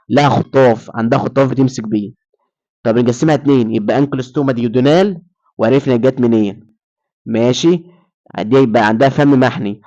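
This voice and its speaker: Quick-talking Egyptian lecturer, dull sound. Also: male voice, medium pitch, darkish tone. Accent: Egyptian Arabic. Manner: asks students questions and answers them himself. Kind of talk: recorded lecture.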